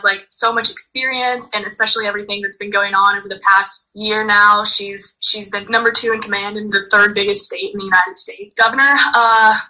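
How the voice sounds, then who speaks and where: A woman's voice: mid-range voice, sharp tone, low-quality recording. A woman hosting a political podcast, chatty and upbeat as she introduces her guest. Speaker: podcast host. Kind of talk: podcast interview.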